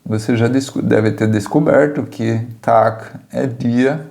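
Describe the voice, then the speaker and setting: A man's voice: mid-range voice, takes it slowly, creaky, darkish tone. A man teaching German pronunciation, patiently repeating words and checking in with "tá?" and "certo?". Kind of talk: language lesson, explaining pronunciation.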